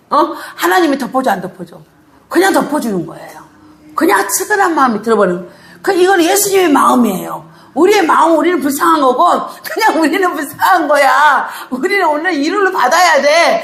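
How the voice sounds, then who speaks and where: A middle-aged woman pastor giving an animated sermon, firing rhetorical questions at the congregation and laughing often. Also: extremely high pitch. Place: church sanctuary. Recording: echoey church room.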